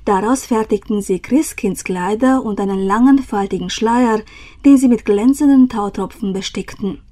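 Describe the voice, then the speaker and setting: A woman reading an old German fairy tale aloud in a calm, measured storytelling manner. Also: mid-range voice.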